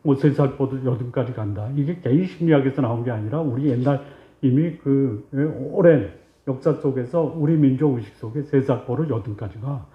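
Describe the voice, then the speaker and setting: A man's voice: mid-range voice, normal speed. A male pastor giving a Sunday sermon. He asks the congregation questions and answers them himself, and he acts out short exchanges between God and a believer. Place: church sanctuary. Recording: roomy, slightly dull church recording.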